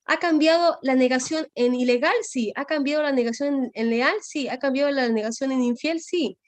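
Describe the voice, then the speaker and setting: A woman's voice: sits high, normal speed, dry recording. Lady teacher explaining grammar, keeps asking if they get it, dry close mic. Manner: explains patiently, checks often with "¿sí?" and "¿no?". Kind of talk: online class lecture.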